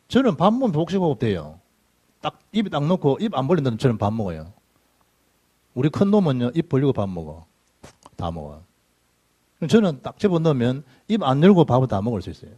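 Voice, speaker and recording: Middle-aged male pastor, husky voice, lively sermon storytelling. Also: medium pitch, brisk, pauses often. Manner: animated storytelling, dialect speech, sudden loud bursts. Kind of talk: sermon with personal anecdotes. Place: church sanctuary.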